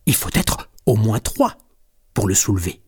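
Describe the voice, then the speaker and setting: A storyteller reading a children's story aloud with slow, expressive delivery. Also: mid-range voice, breathy edge, no room sound, whispered, clean studio sound.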